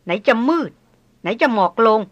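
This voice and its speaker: A woman's voice: moderate pace, natural voice. A woman voicing a worried, protective older brother who speaks anxiously and urgently in a dull lo-fi audiobook recording. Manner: anxious, urging.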